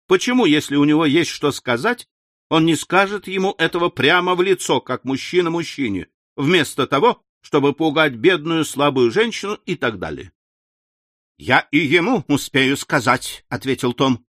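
Dry, unhurried male storyteller. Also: a little high, animated, fairly bright tone, dry recording. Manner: unhurried storyteller, confiding asides. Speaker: audiobook narrator. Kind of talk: scripted literary narration.

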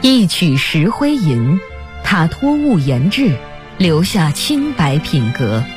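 A woman delivers a dramatic scripted radio introduction. She speaks slowly with very animated pitch over prominent music. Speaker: programme announcer.

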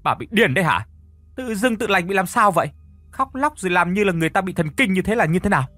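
A man playing a gruff older farmer husband who scolds and grumbles in exasperation. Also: mid-range voice, lively intonation, brisk, fairly bright tone, no room sound, faint music behind. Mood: angry.

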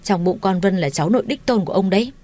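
A woman's voice: medium pitch, lively intonation, quick pace, mellow, close to an everyday voice. Woman reading as a nagging, quarrelsome stepmother. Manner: nagging, wailing. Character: shrill meddling stepmother, middle-aged, quarrelsome.

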